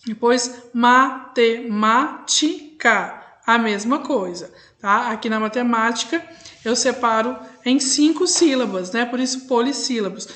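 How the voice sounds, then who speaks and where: A woman's voice: a little high, moderate pace, a bit bright. A woman schoolteacher giving an online lesson to young pupils, patiently drawing out syllables and checking in often. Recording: echoey room.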